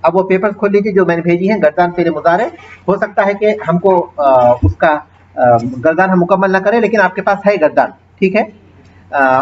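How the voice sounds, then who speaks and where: Man, grammar teacher, patient explanations, recites verb forms, fairly high voice, muffled audio. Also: slight background noise. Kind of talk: online class lecture.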